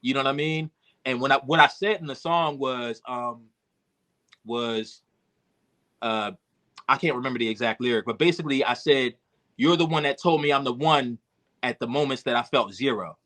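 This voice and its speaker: Man, bright tense voice, candid rambling storytelling, emotional. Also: mid-range voice, moderate pace, pauses often. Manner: emotional, reflective, many fillers and restarts. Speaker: podcast guest, rapper and producer.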